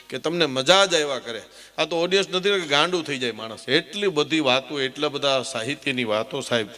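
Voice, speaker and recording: A man's voice: on the high side, bright, forceful tone. A man with a Kathiawadi Gujarati accent, performing live dayro storytelling with humor, speaking emphatically and calling the audience "saheb" as he goes. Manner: rhythmic declamation of rhyming lists. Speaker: folk stage storyteller and humorist. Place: live stage program at a temple event. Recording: live PA sound with long hall reverb and faint music.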